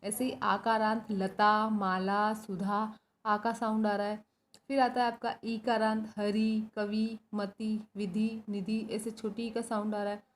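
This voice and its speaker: A woman teacher gives a recorded school lesson, explaining step by step, answering her own questions, and frequently checking in with "right?" and "है ना" to confirm understanding. Her medium-pitched voice is flat and a little slow, with slight hiss or hum on the recording.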